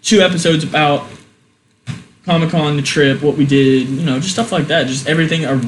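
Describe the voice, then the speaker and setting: A man's voice: a little high, fairly even intonation, fairly quick, noisy background. A man co-hosting a casual podcast, talking in rambling bursts with many restarts and fillers. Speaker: podcast co-host. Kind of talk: casual chat.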